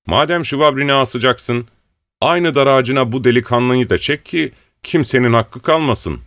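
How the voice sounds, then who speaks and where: A man's voice: medium pitch, normal speed, a bit bright, dry recording, pitched above the performer's own voice, lightly acted. Male reader doing a vicious old rebel elder, spiteful and accusing, dry read. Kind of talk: audiobook reading.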